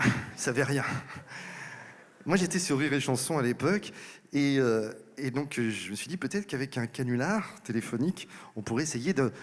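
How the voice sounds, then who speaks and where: A male comedian telling a lively story to an audience on stage, acting out the voices of the people in it. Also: mid-range voice. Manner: lively anecdote telling, acts out quoted voices. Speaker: comedian and impressionist. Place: large concert hall stage. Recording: live hall reverb. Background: audience laughter.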